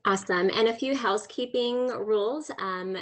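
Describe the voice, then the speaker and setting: A woman's voice: fairly high pitch, normal speed, a bit bright. A woman moderating an online career panel on a video call, organized with occasional fillers. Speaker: career services event moderator.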